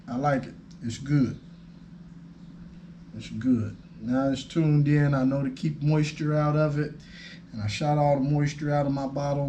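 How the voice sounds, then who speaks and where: A man's voice: mid-range voice, darkish tone, slight background noise. A man, talking through an airgun review in an easygoing, folksy way. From United States. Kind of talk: casual product review.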